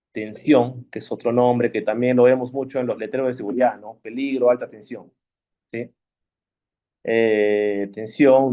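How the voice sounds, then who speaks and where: A man's voice: mid-range voice, warm tone. A man giving a casual classroom lecture on electricity, often checking in with his listeners. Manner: chatty, checks in with frequent "¿sí?" and "¿no?". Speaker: electricity teacher.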